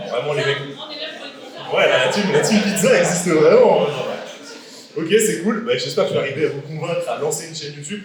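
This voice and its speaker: In a large event hall, a guest speaker in his late twenties gives a casual, joking live talk, quizzing the audience as he goes. His voice sits on the high side, with slight background noise, and the recording captures the echoey hall from far off.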